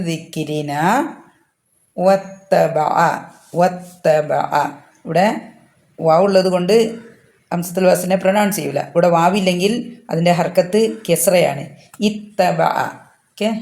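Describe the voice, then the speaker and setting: ഖുർആൻ പാരായണ നിയമങ്ങൾ ക്ഷമയോടെ പഠിപ്പിക്കുന്ന ഒരു സ്ത്രീ, ഓരോ വാക്കും പതുക്കെ ഓതി ആവർത്തിക്കുന്നു. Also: female voice, sits low, vocal fry, a little mellow. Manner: slow and patient, recites each phrase then repeats it. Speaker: Quran recitation teacher. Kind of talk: explaining Quran recitation rules.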